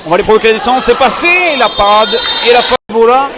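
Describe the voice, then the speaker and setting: A man delivering excited play-by-play handball commentary in long running phrases, in a loud gym full of crowd din. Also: extremely high pitch, fast.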